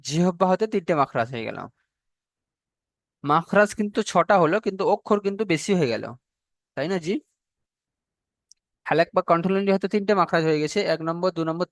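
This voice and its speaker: A man teaching a class on pronouncing Arabic letters, slow and repetitive, drawing out each letter sound and checking in with his students. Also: high-pitched, no room sound. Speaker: Quran recitation teacher. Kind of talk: classroom lesson on letter pronunciation.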